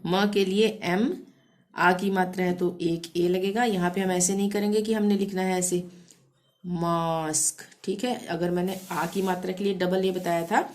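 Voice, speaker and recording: A woman teaching a language lesson, spelling words letter by letter and repeating phrases slowly and patiently. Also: on the low side, steady tone, a little mellow. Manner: repeats "theek hai" to check understanding. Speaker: Hindi teacher.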